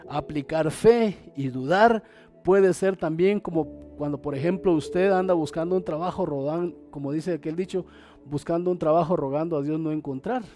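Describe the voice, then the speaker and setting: Male pastor, middle-aged, high voice, dramatic sermon delivery with faint music underneath. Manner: dramatic, acts out quoted voices, swings loud and soft.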